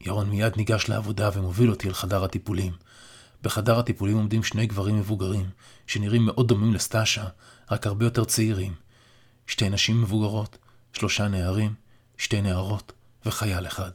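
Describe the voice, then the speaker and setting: A man narrating an audiobook in the first person, in a calm, measured way. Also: on the low side.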